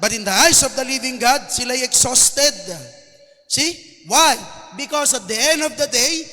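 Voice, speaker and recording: A male pastor with a Filipino accent preaching a sermon, mixing Tagalog and English and building to loud exhortations. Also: very high voice, unhurried, soft background music. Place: church hall. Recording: long hall reverb.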